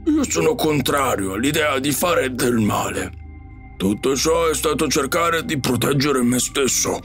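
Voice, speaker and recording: A man voicing a calm, wise pig-like alien beast in an audiobook, speaking in a measured, reflective way. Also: mid-range voice. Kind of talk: audiobook character reading. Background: faint music.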